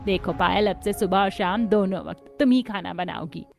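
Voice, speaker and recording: A woman voicing a stern, food-loving older mother-in-law in an animated family drama, talking in a bossy, demanding way. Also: medium pitch, moderate pace, creaky, faint music behind, lightly acted.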